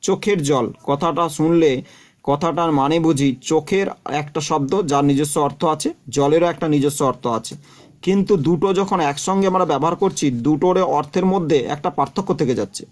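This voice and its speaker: A man's voice: on the high side, fairly quick. A man teaching a class on speech sounds, explaining step by step, repeating terms and examples, and telling his students where to look. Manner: addresses students directly, telling them to look. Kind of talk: classroom lecture on phonetics.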